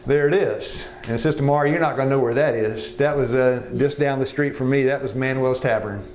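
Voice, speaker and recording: A man's voice: mid-range voice, brisk, reverberant. A man in his sixties, a health evangelism teacher, telling his life story to a class in a folksy, joking way and laughing often. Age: 60s. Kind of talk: personal testimony in a class. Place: classroom with a live audience.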